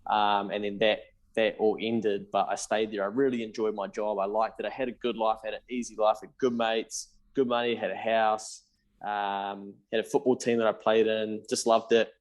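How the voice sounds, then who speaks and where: A man's voice: on the low side, flat delivery, normal speed. A man in his thirties with a New Zealand accent, a podcast guest telling his story candidly, swearing casually and acting out past conversations. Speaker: podcast guest, accountant and business founder.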